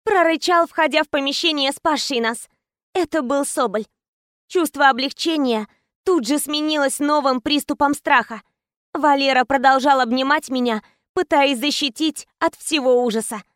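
A woman's voice: high-pitched, moderate pace, fairly bright tone, dry recording, studio quality. A woman narrating a tense first-person story as an audiobook reader.

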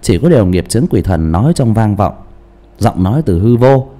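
Audiobook guy chatting about character voices, warm mellow tone, very lively pitch, keeps repeating himself. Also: moderate pace. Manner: animated, repeats and restarts, asks listeners rhetorical questions. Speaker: audiobook narrator.

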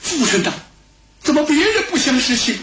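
A man's voice: high-pitched, big pitch swings, fairly quick, noisy background, voice pushed up. A storyteller voicing a flustered, hot-tempered general pleading with his estranged wife, in a roomy radio studio recording. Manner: pleading, exclaiming, raised voice.

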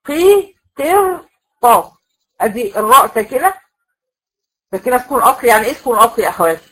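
A woman with an Egyptian accent teaches a recitation class in a slightly high voice. She lays out each rule in careful steps, throwing questions to her women students and answering them herself. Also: very fast, fairly bright tone, husky, low-quality recording. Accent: Egyptian Arabic. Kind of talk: classroom lecture.

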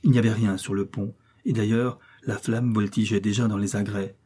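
A man narrating a classic novel as an audiobook, reading in a measured, steady storytelling manner. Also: lowish voice, breathy edge.

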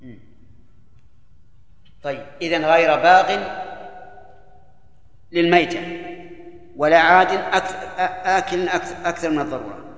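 A man's voice: on the high side, moderate pace, long pauses, a bit bright. An older male scholar giving a Quran lesson, quizzing his students and chiding them when they forget. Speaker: Islamic scholar teaching tafsir. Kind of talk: classroom lesson with questions to students. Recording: echoey hall, old tape lecture recording.

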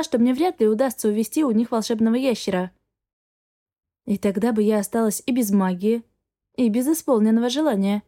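A woman's voice: on the high side, mellow. A woman narrating a fantasy novel in the first person, reading expressively. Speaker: audiobook narrator.

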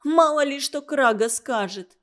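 Audiobook part: cheeky sarcastic girl, read by a woman, high and loud, teasing. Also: a little slow. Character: sharp-tongued cheeky orphan girl. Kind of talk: audiobook character voice.

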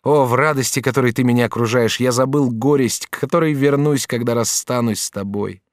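A man's voice: mid-range voice, a little fast, no echo, clean studio sound, voice pushed up, close to an everyday voice. A man reading an audiobook, voicing a passionate, anxious young male apprentice who speaks in rising, impassioned questions. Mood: loving.

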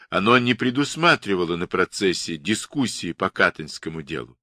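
A man with a lowish voice reads nonfiction history aloud in a formal, measured way. His delivery is animated in pitch, with a bright, forceful edge. The sound is close and dry. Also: no echo. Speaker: audiobook narrator. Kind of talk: scripted nonfiction narration.

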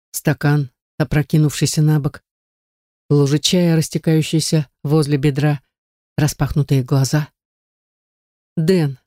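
A man narrating a novel in the first person, intense and brooding, slowing down on emotional phrases. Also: on the high side, warm tone, no echo, studio quality. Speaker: audiobook narrator.

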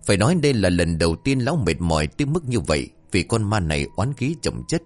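A man with a deep voice narrating a spooky comic tale. His delivery swings widely in pitch and stays dramatic, with faint music underneath. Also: big pitch swings, quick pace. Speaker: storyteller. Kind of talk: scripted horror-comedy narration.

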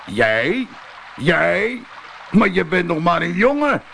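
A man's voice: high-pitched, very animated, slow pace, vocal fry, bright, forceful tone, a little hiss or hum, voice pushed up, exaggerated voice. A man voicing a boastful giant warrior who bellows and taunts, his voice raised well above his own. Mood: mocking.

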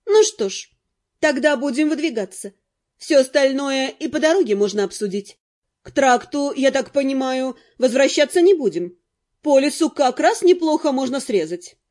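A woman's voice: sits high, lively intonation, moderate pace, darkish tone. A woman voicing a female mercenary who is unflappable and teasing. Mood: wry. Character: brisk sly female mercenary.

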